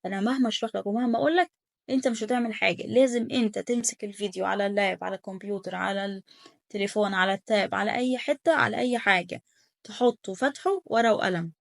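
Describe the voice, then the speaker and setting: A young Egyptian woman teaching German, rattling along at high speed with a gravelly, fry-laced voice. She repeats words and coaches pronunciation aloud in a relaxed, chatty lesson. The recording is dry and close. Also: dry recording. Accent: Egyptian Arabic. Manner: rapid, repetitive coaching, drills pronunciation aloud. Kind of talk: casual online language lesson.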